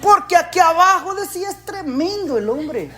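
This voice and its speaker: Casting: male pastor, high voice, lively sermon full of rhetorical questions. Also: moderate pace. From El Salvador. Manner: animated, rhetorical questions, jokey asides.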